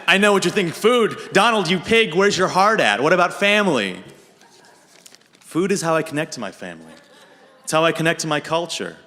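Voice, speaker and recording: A young American man telling a dry, deadpan comic story about himself on a radio show. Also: fairly high pitch. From United States. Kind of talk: humorous personal monologue. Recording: reverberant hall.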